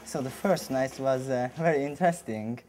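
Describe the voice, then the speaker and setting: A man from Hungary with a Hungarian accent, giving informal interview remarks in halting, non-native English. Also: medium pitch, darkish tone, slight background noise. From Budapest, Hungary. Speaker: competition barista.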